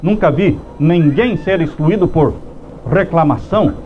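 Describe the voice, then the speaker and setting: High-voiced pastor preaching with emphatic pauses. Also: male voice. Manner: preaching slowly with emphatic pauses, acting out heartfelt prayers. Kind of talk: sermon. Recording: dull lo-fi sound with faint background noise.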